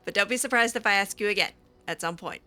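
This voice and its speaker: Fast and sharp-toned, this medium-pitched woman does casual in-character roleplay chat over a video game. She sounds hesitant and wry, filling her lines with plenty of ums.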